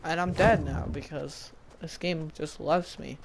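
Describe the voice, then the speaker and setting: A young man mutters his way through a game in frustrated, slangy commentary. His voice sits a little high for a man. Loud game noise runs underneath his talk. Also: steady tone, measured pace, gravelly. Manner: frustrated, slangy, mumbling to himself. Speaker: gamer. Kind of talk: casual gameplay commentary.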